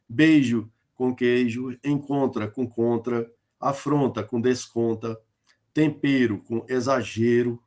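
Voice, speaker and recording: A man's voice: mid-range voice, a little mellow. A male lecturer from Northeast Brazil giving an online class, hesitant and full of fillers and tag questions, explaining through spoken examples. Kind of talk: online lecture on rhyme in folk poetry.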